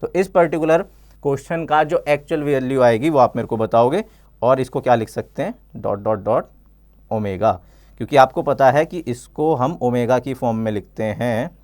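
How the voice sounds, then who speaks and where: A man's voice: mid-range voice, moderate pace, darkish tone. A man teaching a physics exam-prep lesson step by step, mixing Hindi and English and calling his students "bachcha log". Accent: Indian English.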